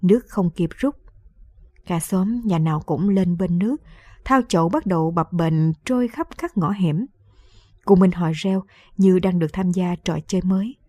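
Woman reader, mellow tone, dry close studio sound, wry radio storytelling. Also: fairly low pitch, moderate pace, no room sound. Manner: lively storytelling, wry and conversational. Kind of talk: scripted first-person story narration.

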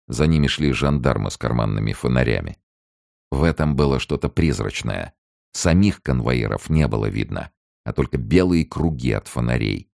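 A man reading a novel aloud as an audiobook narrator, in a steady, measured storytelling manner. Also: extremely low pitch, vocal fry, dry recording, clean studio sound. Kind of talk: scripted narration.

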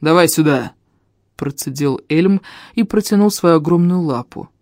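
An audiobook narrator reading a first-person fantasy story with expressive, emotional delivery on a close microphone. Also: mid-range voice, moderate pace, no room sound.

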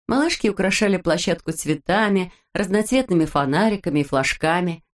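A woman narrating a children's storybook chapter in a measured, expressive way. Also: on the low side. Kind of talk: storybook reading.

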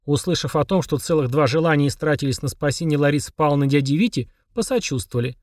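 A man's voice: on the high side, fast talker, darkish tone, no room sound. Male audiobook narrator, dry close sound.

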